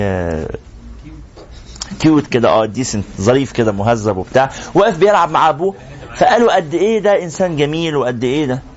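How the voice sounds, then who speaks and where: Fast-talking Egyptian sheikh, lo-fi. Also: male voice, on the high side. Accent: Egyptian Arabic. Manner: rhetorical questions to the audience. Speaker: sheikh teaching a class. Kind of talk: religious lesson to a live class. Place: room with a class. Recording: muffled lo-fi recording.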